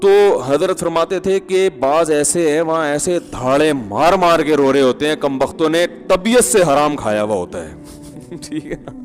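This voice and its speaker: A man preaches in a joking, conversational way, with a slightly high voice and chuckling asides. His sermon rings through a reverberant hall. Faint music sits underneath. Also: lively intonation. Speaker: Islamic preacher.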